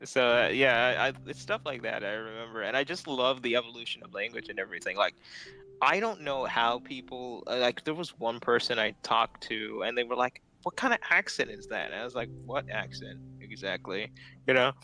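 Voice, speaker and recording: A man's voice: medium pitch, brisk, sharp tone, poor audio. A man chatting casually, rambling and laughing often. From Philippines. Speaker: streamer chatting while drawing. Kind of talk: casual chat.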